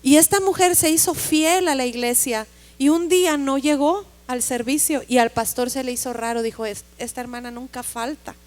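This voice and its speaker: Woman, pastor, sermon storytelling, high voice, long church reverb. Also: moderate pace, darkish tone. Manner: addresses the congregation as brothers, amens. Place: church sanctuary.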